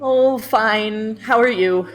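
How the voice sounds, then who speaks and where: A woman's voice: a little high, slow, pitched above the performer's own voice. A woman voicing a dejected young male cat with a mopey, self-pitying manner, in an amateur cartoon dub. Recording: guitar music behind.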